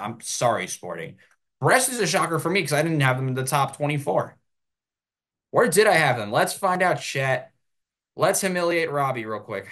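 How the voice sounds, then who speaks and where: An American man hosting his own sports show, giving solo commentary and ranting in an animated way. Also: on the high side.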